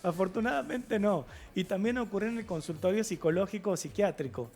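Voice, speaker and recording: A man, a guest sexologist on a TV talk show, explaining things in a measured way with filler pauses. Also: high voice, darkish tone. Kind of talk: TV studio interview. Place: TV studio.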